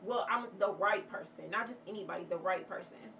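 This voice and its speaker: In a fairly quick, mid-range voice, a woman vlogger chats casually while putting on makeup, offering a heartfelt, meandering pep talk laced with swearing. It's a get-ready-with-me video recorded on a far-off mic with noticeable background noise.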